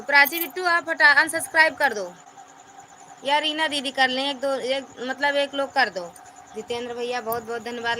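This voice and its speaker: A woman's voice: a little high, bright, forceful tone, a little hiss or hum. A woman, hosting a live stream and chattily reading out and thanking viewers' comments by name.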